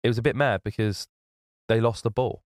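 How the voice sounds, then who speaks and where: Calm, smooth-voiced young man. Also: mid-range voice, brisk, no room sound, studio quality. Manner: calm, explanatory storytelling. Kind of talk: casual chat, recapping a trip.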